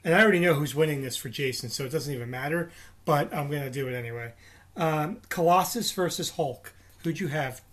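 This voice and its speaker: A man's voice: fairly high pitch, brisk, fairly bright tone. A man with a New Jersey accent co-hosting a casual podcast, leading the segment and laughing often. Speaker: podcast co-host.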